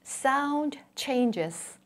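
A middle-aged woman presents a scripted language lesson. Her voice sits fairly high and she speaks very slowly. She enunciates each item deliberately, as a teacher modelling pronunciation for learners. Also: animated. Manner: slow, deliberate enunciation with repeated model words.

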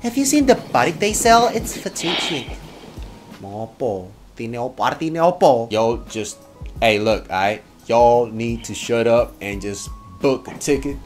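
A young man in his twenties from Indonesia rattles through one put-on accent after another, playful and comedic. Background music runs clearly underneath his voice. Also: medium pitch, expressive, unhurried. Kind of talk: comedic accent showcase video.

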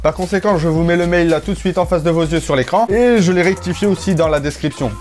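A man's voice: on the high side, fast talker, darkish tone, faint music behind. A man hosting a gaming live stream with casual, slangy, joking commentary and some swearing. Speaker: streamer and host.

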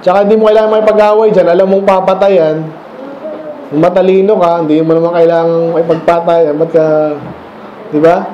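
A man's voice: high voice, steady tone, brisk, a little hiss or hum. A man with a Filipino accent, preaching a conversational Bible lesson and checking in with questions like "okay?" and "right?". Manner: keeps checking in with rhetorical questions. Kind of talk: conversational Bible teaching sermon. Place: church. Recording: echoey church room, dull lo-fi sound.

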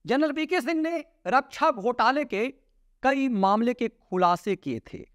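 A middle-aged man hosting a political commentary show, talking emphatically to camera from a studio desk with big swings in pitch and sharp drops at the ends of phrases. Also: expressive, unhurried, clear, resonant tone, no echo. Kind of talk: opinionated news commentary to camera. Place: indoor studio with virtual set. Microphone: lapel mic, seated at desk.

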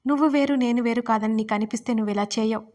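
Angry young wife, tearful and shouting, high voice, done by a woman. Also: quick pace, natural voice. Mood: hurt. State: crying.

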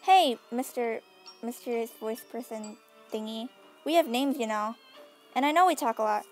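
A woman voicing an excitable, stubborn teenage girl in a cartoon, exclamatory and a bit whiny. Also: fairly high pitch, moderate pace, soft background music, lightly acted. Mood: indignant. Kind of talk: acted cartoon dialogue.

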